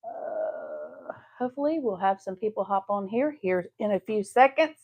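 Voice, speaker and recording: A craft channel host with a Southeast Texas accent paints during a live stream, chatting in a homey way with her viewers. Her medium-pitched voice swings hugely in pitch, with a darkish tone and moderate pace.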